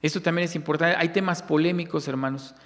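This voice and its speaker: A man's voice: a little high, fairly even intonation, quick pace. A Mexican man who is a deacon, teaching a church lesson and quizzing his listeners with questions he then answers himself. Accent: Mexican Spanish. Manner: asks the audience questions and answers them himself. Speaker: deacon teaching a Bible class. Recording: long echo of a church hall.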